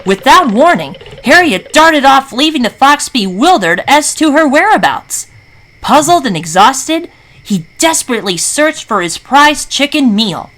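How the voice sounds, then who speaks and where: A woman storyteller narrating a scripted children's story in an animated, dramatic style. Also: high-pitched, measured pace, low-quality recording. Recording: faint background noise.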